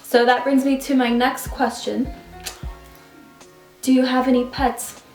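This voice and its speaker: In a high but level voice, measured and a little mellow, a twenty-something vlogger from New York City casually rambles with asides for a get-to-know-me video. It's shot on a phone camera indoors at home, with a roomy sound and soft music in the background.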